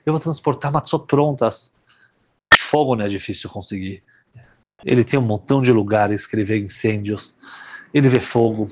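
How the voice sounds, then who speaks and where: Man, rabbi, dramatic storytelling sermon, average pitch, loud to hushed. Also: background noise. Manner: dramatic, swings from loud cries to hushed low tones.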